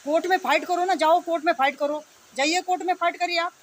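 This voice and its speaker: Woman, very high voice, confrontational opinion rant, scolding, repetitive challenging questions, noisy background. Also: fast. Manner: repeats phrases and rhetorical questions, tag questions. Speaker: online video commentator. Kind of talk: unscripted opinion rant addressed to opponents. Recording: steady background noise.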